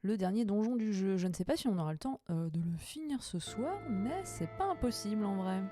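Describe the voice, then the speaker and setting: A woman chatting casually with her live-stream audience while gaming, playful and quick to laugh, her voice a little tired. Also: mid-range voice, very animated, warm tone, faint music behind.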